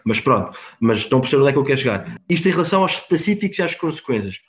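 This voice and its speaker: A man's voice: medium pitch, big pitch swings, rapid-fire. A man with a European Portuguese accent gives a storytelling talk at a conference, repeating words and often tagging lines with a questioning "right?". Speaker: speaker at a conference. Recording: dull lo-fi conference recording.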